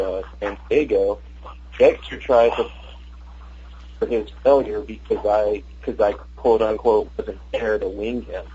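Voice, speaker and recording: A man calling in on speakerphone with the phone held away from him, telling a rambling, halting story. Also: lowish voice, dark tone, slightly rough. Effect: on speakerphone, phone held away, muffled. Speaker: caller. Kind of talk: casual call-in chat. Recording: muffled lo-fi phone line.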